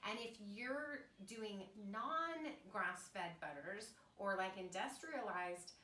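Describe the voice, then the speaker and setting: A woman's voice: mid-range voice, lively intonation, slow pace, sharp tone. A woman in her fifties hosting a podcast interview, chatty and enthusiastic, rambling from point to point. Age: 50s. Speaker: podcast host. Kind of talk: casual interview chat. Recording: echoey room, distant mic, faint noise.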